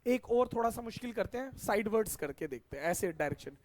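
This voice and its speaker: A man's voice: high voice, lively intonation, fast, a little mellow. A middle-aged man teaching a science class, asking his students questions and repeating the key answers back to them.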